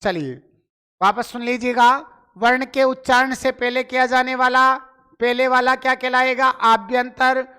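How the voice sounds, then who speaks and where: A man's voice: very high voice, level tone, normal speed, bright, forceful tone, clean tone. A male teacher giving a live online grammar lesson, asking questions and answering them himself, and urging viewers to reply in chat.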